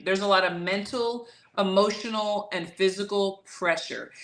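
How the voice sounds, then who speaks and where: A woman's voice: medium pitch, a bit bright, echoey room. A woman who trains boxers, analyzing a matchup in casual chat and driving her points home by repeating them. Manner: emphatic, repeats key phrases. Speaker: boxing trainer and guest analyst.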